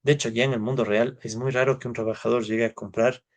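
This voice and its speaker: A man lectures on economics in a loose, chatty way, peppering his points with quick tag questions to his class. His voice has a gravelly, fry-laden edge, and it sits at a middle pitch. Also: flat delivery. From Ecuador. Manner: conversational, tags sentences with "¿no?" and "¿ya?", thinks aloud. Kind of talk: informal lecture.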